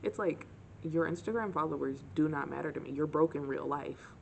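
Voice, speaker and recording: A young woman with a lowish, gravelly voice, chatting straight to camera. She tells her stories with sarcastic, animated flair. A faint hiss sits under the recording. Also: fairly quick. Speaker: vlogger. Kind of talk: casual storytime chat.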